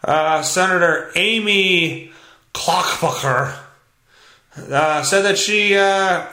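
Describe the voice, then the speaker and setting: Male podcast host ranting over headlines, foul-mouthed and exasperated, bright edgy voice in a roomy space. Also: a little high. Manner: profane, exasperated, blunt. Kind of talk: ranting solo commentary on news headlines.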